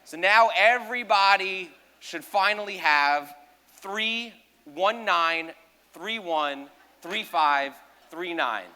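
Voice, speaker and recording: A man's voice: sits high, slow pace, pushed and bright. A man performing a number trick for a gala audience, joking, self-deprecating and talking straight to the crowd. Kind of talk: live stage patter. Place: large ballroom.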